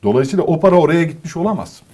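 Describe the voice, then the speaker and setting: A man's voice: a little high, very animated, rapid-fire, mellow. A man in a political commentary chat, explaining economic points emphatically and asking rhetorical questions.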